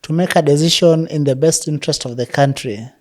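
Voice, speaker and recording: Woman podcast co-host, very low mellow voice, measured rhetorical delivery. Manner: measured, rhetorical, speech-like phrasing. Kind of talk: political discussion podcast.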